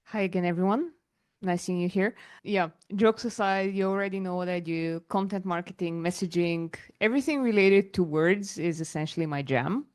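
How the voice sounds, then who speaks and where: A woman content marketer on a panel, speaking in a wry, brisk and playful way. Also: fairly low pitch, darkish tone, clear, resonant tone. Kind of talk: panel discussion.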